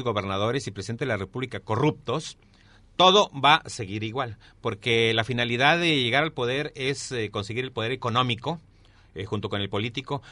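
A middle-aged man with a Mexican accent, a mayoral candidate and former newspaper columnist, answers interview questions with a campaign pitch. His medium-pitched voice sounds pushed and bright, and he repeats key phrases emphatically. The recording is dry.

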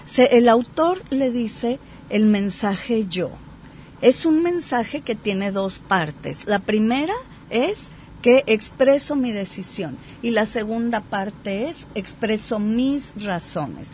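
A woman psychotherapist explaining a point in a talk show, lively and acting out example exchanges. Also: medium pitch, a little hiss or hum. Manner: animated, acts out example dialogues.

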